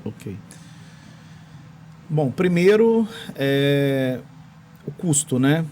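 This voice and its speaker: A man's voice: fairly high pitch, animated, drawn-out words, dark tone, a little hiss or hum. A man with a Brazilian accent explaining technology as a podcast guest in a studio, restarting phrases as he searches for words. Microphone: studio microphone.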